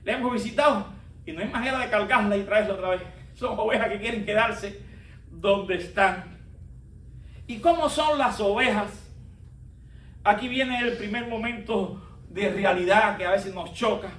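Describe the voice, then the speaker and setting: A man preaching a sermon as pastor, speaking with emphatic pauses and rising stresses. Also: high voice, fairly bright tone. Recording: roomy echo from a distant mic.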